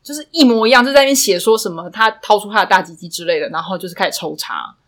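A woman telling a story in casual podcast chat, animated and often laughing mid-sentence. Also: mid-range voice, rapid-fire. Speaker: podcast co-host.

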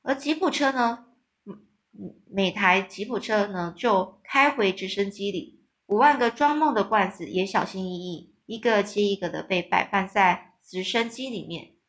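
A woman reading a children's book aloud in episodes, stopping to explain hard words in simple terms, in a relaxed manner with small restarts. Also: medium pitch, normal speed. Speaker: storyteller.

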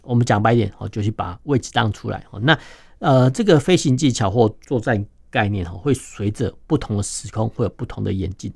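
A man, a defense journalist explaining military matters as an interview guest, filling his phrases with drawn-out "oh" and "ha" sounds. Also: fairly low pitch, expressive, vocal fry, breathy edge, no room sound, clean studio sound. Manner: peppers phrases with drawn-out "oh" and "ha" particles.

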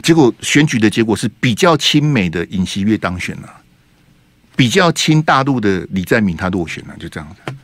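A man's voice: lowish voice, brisk, no room sound. A middle-aged man, hosting a radio talk show with rhetorical political commentary and many 哈 and 啊 tags. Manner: animated and rhetorical, tags sentences with 哈 and 啊. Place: radio studio.

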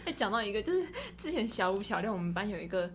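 Fast-talking young Taiwanese woman. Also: medium pitch, sing-song. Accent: Taiwanese Mandarin. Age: young adult. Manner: rapid, breathless storytelling. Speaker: podcast co-host. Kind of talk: casual chat.

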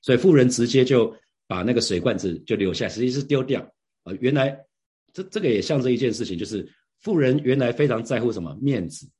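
A man's voice: mid-range voice, expressive, a little fast, darkish tone, breathy edge. A middle-aged man sharing a devotional Bible reflection as a pastor, earnest and conversational, often asking his listeners questions.

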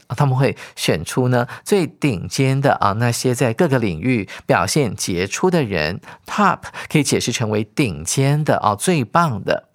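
Lively male English teacher, dry sound. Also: medium pitch, no echo. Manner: reads English lines slowly, then explains in chatty Mandarin; ends phrases with soft particles like "ah" and "oh". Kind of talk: radio-style English reading lesson.

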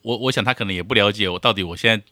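A man with a very deep but bright, forceful voice chats casually on a podcast. He listens closely and answers with many short affirmations. The recording is dry and close. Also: racing, dry recording. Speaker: podcast co-host. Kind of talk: casual chat.

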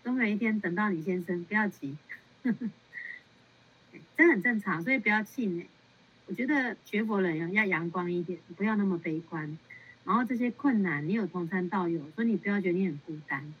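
A woman nun counseling a follower in a casual, animated way, laughing often and repeating words for emphasis. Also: medium pitch, a little fast, breathy edge. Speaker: Buddhist nun giving counsel. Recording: muffled lo-fi sound.

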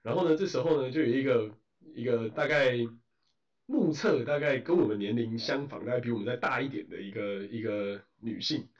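A man with a Taiwanese Mandarin accent telling a story in casual chat, animated, swearing and mixing in English phrases. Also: mid-range voice, a little fast. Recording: roomy, distant, dull lo-fi.

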